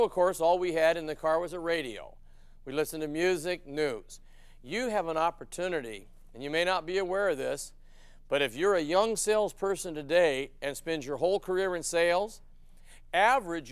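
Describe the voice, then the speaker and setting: A man's voice: fairly high pitch, clear, resonant tone, dry recording. An older man giving a folksy, emphatic motivational sales lecture, asking his listeners questions as he goes. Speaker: sales trainer.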